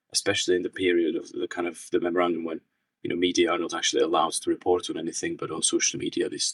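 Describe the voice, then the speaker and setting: Low, husky young man, distant and dry. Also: a bit bright, dry recording. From Czech Republic. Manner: thoughtful, many restarts and fillers. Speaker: researcher guest. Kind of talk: casual interview answers.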